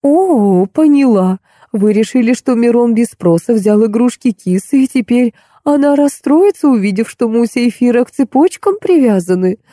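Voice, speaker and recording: A woman's voice: on the high side, expressive, moderate pace, mellow, no echo, clean studio sound, pitched above the performer's own voice. A woman voicing a fussy, soothing older nanny in an audiobook. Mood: matter-of-fact. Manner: fussing, soothing.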